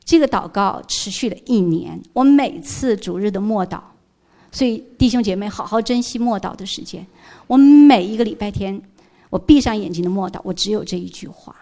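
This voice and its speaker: A middle-aged woman gives a heartfelt church testimony in an earnest, emotional storytelling manner. Her voice has a gravelly, creaky edge, and her pitch sits in an ordinary middle range. She slips English words into her speech now and then. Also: moderate pace, warm tone. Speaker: church member giving testimony.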